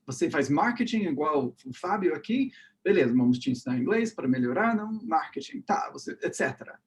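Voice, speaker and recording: A man who teaches English and hosts a podcast chats casually in a slightly high voice, brisk and animated. A native English speaker, he often repeats "né?" and "tá?"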